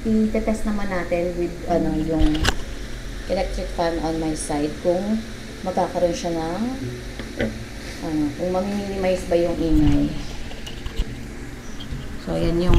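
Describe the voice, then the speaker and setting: A Filipino woman with a slightly gravelly, lowish voice talks slowly through a mic unboxing. She sounds stuffy from a cold, chatting casually at home. There is clear background noise behind her. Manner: chatty, testing mic with repeated hellos. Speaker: vlogger reviewing a microphone. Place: home room with an electric fan. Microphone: phone with wireless lavalier.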